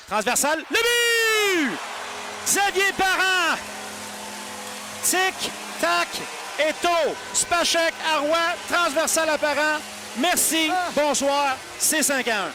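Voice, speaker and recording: A male hockey commentator calls play in an extremely high, excited voice. He moves in short clipped phrases and stretches out his big calls, with noticeable arena noise behind him. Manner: clipped phrases building to drawn-out goal calls. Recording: noisy arena broadcast. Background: loud arena noise.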